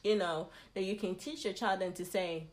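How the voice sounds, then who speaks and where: A woman's voice: mid-range voice, fairly even intonation, moderate pace. A woman in a casual conversation, speaking emphatically and giving advice drawn from her own experience.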